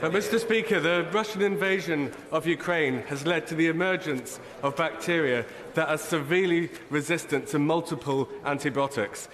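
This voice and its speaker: A man's voice: a little high, normal speed, hardly any pauses, fairly bright tone. A man delivering a formal, prepared question as a member of parliament. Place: large indoor parliament chamber. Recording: reverberant chamber, faint noise.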